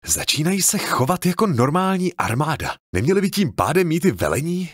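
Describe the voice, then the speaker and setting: A man voicing a young soldier in an audiobook battle, shouting urgently in a raised voice. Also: on the high side, sing-song, breathy edge, dry recording, clean studio sound, pitched above the performer's own voice, heavily acted. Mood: tense.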